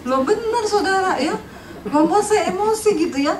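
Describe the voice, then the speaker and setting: Lively high-voiced woman preaching in an echoing hall. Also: normal speed, crowd noise, background noise. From Central Java. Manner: lively, humorous, questions the congregation. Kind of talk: sermon. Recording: roomy hall from far off, faint background.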